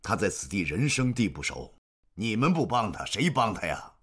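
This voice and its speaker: A man's voice: fairly low pitch, big pitch swings, normal speed, fairly bright tone, slightly rough, heavily acted. An actor playing an upright, stern but caring male official in a historical TV drama, scolding in a reproachful tone.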